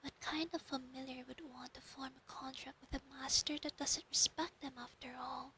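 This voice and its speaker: A woman voicing a clingy, proud female fox spirit familiar in an ASMR role-play, breathy and intimate on a close binaural microphone. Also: high-pitched, steady tone, normal speed, sharp tone, a little hiss or hum. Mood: insistent, lecturing.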